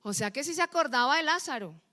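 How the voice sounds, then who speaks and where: A woman's voice: high-pitched, lively intonation, fast, pushed and bright. A middle-aged woman pastor, preaching a sermon and firing questions at the congregation, scolding them at times. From Colombia.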